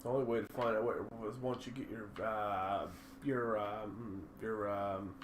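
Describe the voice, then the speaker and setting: A man's voice: lowish voice, steady tone, a little slow. A man chats casually while co-hosting a game stream, wandering through his points with plenty of filler words. He talks into a desktop condenser mic, and a faint computer fan hum sits under his voice. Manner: chatty, rambling with filler words. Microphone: desktop USB condenser mic.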